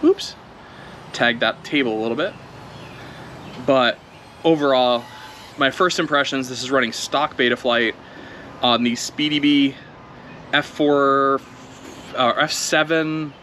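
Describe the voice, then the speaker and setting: A man talks casually outdoors, his voice bright and a little forceful as he thinks aloud mid-flight. A faint outdoor hum sits behind him. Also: medium pitch. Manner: relaxed, chatty, thinking aloud while flying. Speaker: drone video creator. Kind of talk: casual first-flight commentary.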